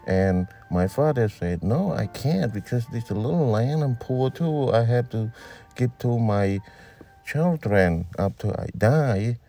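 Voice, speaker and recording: Man, English interview voice-over, very slow, mellow tone. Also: mid-range voice, expressive, vocal fry, soft background music. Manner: plain, slow, unhurried delivery in simple English.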